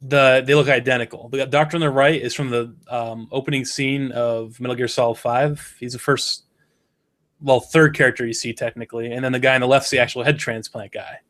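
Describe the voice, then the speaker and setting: A man's voice: medium pitch, steady tone, brisk, fairly bright tone. Rambling man co-hosting casual chat. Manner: rambling, trails off with fillers. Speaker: co-host.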